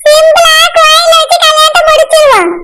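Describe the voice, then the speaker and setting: Woman playing a pushy groom's mother, Kanyakumari accent, very high squeaky voice, noisy, cartoon. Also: fairly quick. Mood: insistent. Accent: Kanyakumari Tamil. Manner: persuasive, insistent. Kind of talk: cartoon voice acting.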